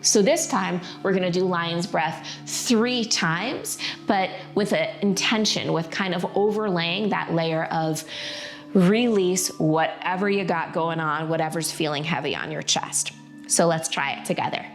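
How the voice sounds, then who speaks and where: A woman's voice: on the low side, measured pace, soft background music. A woman teaching prenatal yoga in an informal, encouraging and playful way, guiding listeners through breathing practice. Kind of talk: casual guided yoga instruction.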